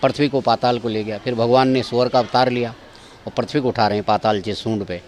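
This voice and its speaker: A man's voice: mid-range voice, fairly even intonation, fast, slight background noise. A man giving a guided tour of temple grounds outdoors, directive as he keeps pointing things out to his visitors.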